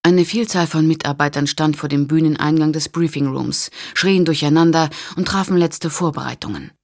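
Woman narrator, low voice, even, measured, audiobook reading. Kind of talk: scripted narration.

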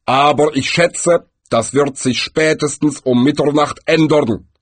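A man voicing Death as a calm, weary, unhurried figure in an audiobook. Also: medium pitch, husky, dry recording, pitched above the performer's own voice.

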